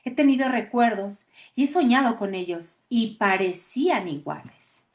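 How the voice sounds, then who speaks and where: A woman's voice: on the high side, animated, normal speed. A woman reading the lines of an earnest man meeting his spiritual teachers, eager in tone.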